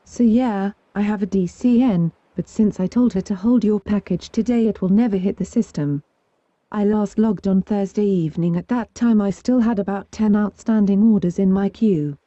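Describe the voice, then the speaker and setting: Very dark-voiced woman reading forum posts. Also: medium pitch, no echo. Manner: reads text steadily, spelling out abbreviations letter by letter. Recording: dull, lo-fi dry recording.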